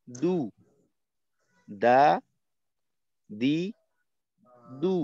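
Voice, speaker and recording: A man's voice: on the high side, a little mellow, no room sound, highs cut off. A man teaching a tajweed lesson over a video call, patiently repeating letter sounds for his students to copy. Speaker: Quran recitation teacher.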